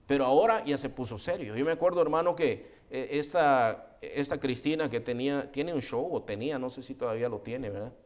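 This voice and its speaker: A middle-aged man preaching a sermon as pastor, animated and often calling listeners "hermano". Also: fairly quick, hardly any pauses. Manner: acts out quoted voices with rising pitch.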